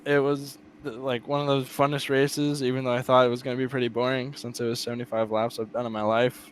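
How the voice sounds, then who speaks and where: A man answering post-race interview questions as the winner, rambling and excited, full of fillers. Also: medium pitch, fast talker, slight background noise, low-quality recording.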